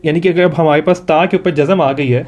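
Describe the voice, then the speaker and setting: A man with a Pakistani accent teaching Quran reading one-on-one, patient, modeling each sound slowly for his student to repeat. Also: fairly high pitch, steady tone, a little mellow, muffled recording.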